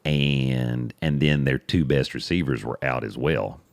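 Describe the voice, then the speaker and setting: A man's voice: a bass voice, a little slow, no echo. A man co-hosting a podcast in casual sports chat, rambling and repeating words as he finds his point. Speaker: podcast co-host.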